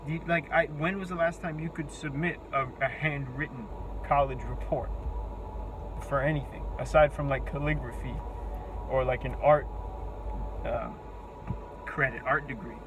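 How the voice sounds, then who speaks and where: A man in his twenties with a thin, squeaky voice, talking off the cuff in a halting, rambling way as he searches for words. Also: fairly even intonation, background noise. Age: 20s. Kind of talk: unscripted monologue to camera.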